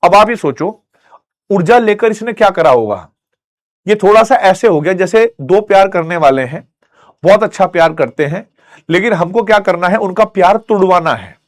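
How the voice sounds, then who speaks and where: A man's voice: high-pitched, moderate pace. A male teacher giving a classroom lecture, telling stories and making sound effects to explain a point. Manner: animated storytelling with sound effects.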